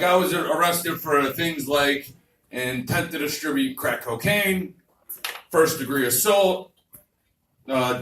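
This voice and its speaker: A man's voice: a little high, bright, forceful tone. A man doing a crude, vulgar, rambling stand-up comedy set on a club stage. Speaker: stand-up comic. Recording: roomy club, distant mic, faint noise.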